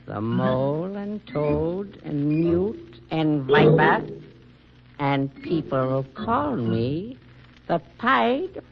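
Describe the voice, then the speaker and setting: An actor playing the Pied Piper, a mysterious male wanderer, speaking in a measured, courtly way in 1940s radio acting on a dull old broadcast. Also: a little high, sing-song, gravelly, a loud crowd, exaggerated voice.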